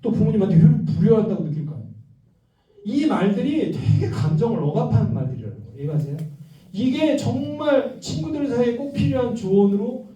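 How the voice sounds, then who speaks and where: Male lecturer with a high but very dark, mellow voice, addressing an audience with constant questions; recorded from afar in an echoey hall. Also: sing-song, fairly quick, distant mic, dull audio. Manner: keeps asking the audience questions. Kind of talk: public lecture to a live audience.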